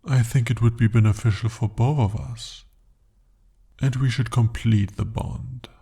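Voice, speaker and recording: A young man voicing a jealous, possessive male demon bound to a sorcerer, speaking softly and deliberately in an ASMR roleplay. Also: medium pitch, creaky, slightly rough, heavily acted. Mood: jealous, coaxing. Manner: intimate, soft-spoken, slow and deliberate.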